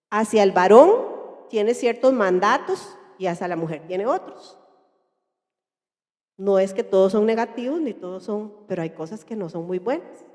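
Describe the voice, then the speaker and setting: A woman with a Costa Rican accent speaking to a group, lively and questioning her listeners. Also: on the high side. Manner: lively, asks the audience questions and acts out everyday voices. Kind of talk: talk to a church group. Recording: echoey hall.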